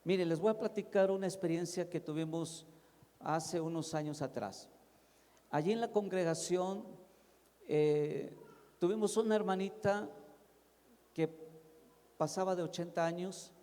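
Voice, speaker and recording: A pastor with a Mexican accent tells a story from the pulpit, his voice slightly high and dark in timbre. He acts out the dialogue and addresses the congregation as brothers and sisters. The long echo of a church hall surrounds his voice. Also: measured pace, long pauses. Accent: Mexican Spanish. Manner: vivid storytelling with quoted dialogue, addresses audience as hermanos. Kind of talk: sermon storytelling. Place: church sanctuary.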